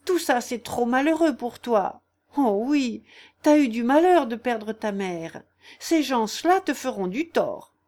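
A woman's voice: on the high side, expressive, takes it slowly, darkish tone. A woman reading aloud, voicing a simple-hearted young peasant lad with a plaintive, tender manner.

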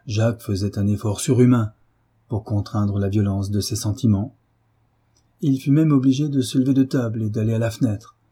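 A man reading a classic novel aloud as an audiobook narrator, in a measured, steady storytelling manner. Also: lowish voice, slightly rough.

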